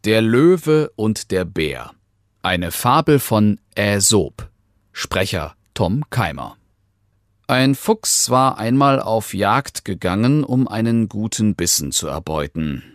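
A man narrating a fable as a storybook reader, calm and measured. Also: on the low side, no room sound, studio quality.

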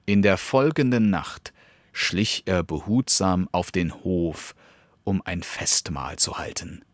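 A man narrating a fable in measured, scripted storytelling. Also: sits low, no room sound.

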